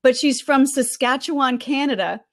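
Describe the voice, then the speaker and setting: A woman chatting casually as a podcast guest, recapping conference talks in an animated way with plenty of fillers. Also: sits high, moderate pace. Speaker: guest reporting on a marketing conference.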